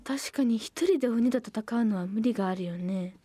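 A woman's voice: a little high, normal speed, warm tone, slightly rough, no room sound. A woman playing a schoolgirl who reacts with quizzical, muttered asides while reading a strange book. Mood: puzzled. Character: puzzled schoolgirl reading in a library.

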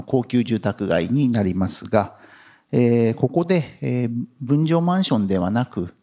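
A male company president gives a formal investor presentation in very polite business speech. His medium-pitched voice has a strong gravelly creak. He moves phrase by phrase, often stretching filler vowels as he goes. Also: a little mellow. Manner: halting, drawn-out filler vowels between phrases.

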